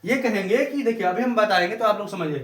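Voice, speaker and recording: High-voiced male teacher in echoey room. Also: a bit bright. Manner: repetitive, drawn-out word-by-word dictation. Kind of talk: classroom grammar lesson.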